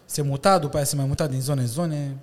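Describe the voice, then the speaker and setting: A man in his thirties, a breakdancer and stuntman, chatting as a podcast guest and telling lively stories with slang and laughter. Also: medium pitch. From Romania. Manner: animated storytelling with slang and laughter. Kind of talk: casual chat.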